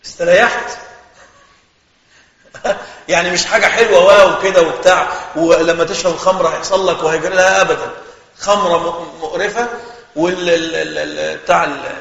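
A man with an Egyptian accent, a sheikh giving a religious lesson in conversational, animated speech that speaks straight to his listeners. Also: a little high, brisk, creaky, pauses often. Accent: Egyptian Arabic. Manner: conversational, animated storytelling, addresses listeners directly. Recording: echoey hall, slightly muffled.

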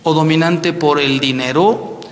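A middle-aged Mexican man with a Mexican accent, a priest giving a playful, animated talk on marriage to a large audience. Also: on the high side, measured pace. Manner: animated, playful storyteller, acts out quotes. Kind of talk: lively talk on marriage with jokes. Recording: echoey hall with faint ambience.

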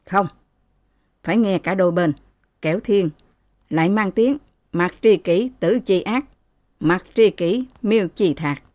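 A stern old patriarch, doubtful and quick to scold, in an audiobook story, as a woman reader puts him on. His lines come curt and reproving in a low, mellow tone. The recording is close and dry. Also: no room sound, lightly acted. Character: stern old father, doubting and short-tempered.

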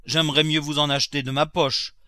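Male reader doing a loyal old countrywoman cook, blunt and rustic, raised pitch, bright tone. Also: flat delivery, brisk, no echo, clean studio sound. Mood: pleading, protesting. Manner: rustic, bold and familiar. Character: blunt elderly woman servant, loyal and stubborn.

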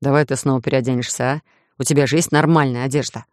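A woman voicing a bossy, jealous young man in a romance audiobook, gruff and grumbling. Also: extremely low pitch, fairly even intonation, fairly quick, darkish tone, no room sound, clean studio sound. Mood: defeated.

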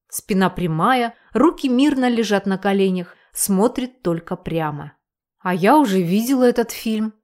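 A woman narrates a first-person audiobook in an expressive reading voice. Her pitch sits in the middle range.

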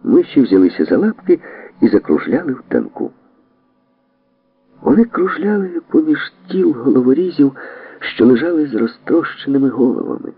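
A man narrating an audiobook, telling the story briskly and voicing every character himself. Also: mid-range voice, very animated, creaky, slightly rough, dry recording. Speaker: audiobook reader. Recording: dry tinny narrow-band audio.

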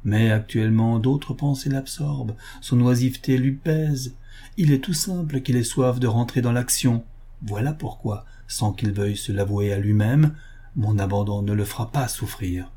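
A man voicing a noble young countess, grave and self-sacrificing, speaking in an earnest, measured, solemn way. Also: medium pitch, mellow, breathy edge. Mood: resolved.

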